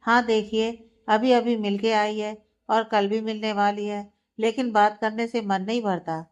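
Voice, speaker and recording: A woman's voice: mid-range voice, level tone, measured pace, clean tone, dull audio, natural voice. A young woman friend who teases the bride through a barely hidden smile, voiced by a woman storyteller. She sounds sly and amused in a mid-range voice. It comes from a read-aloud storybook. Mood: teasing. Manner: sly, half-smiling.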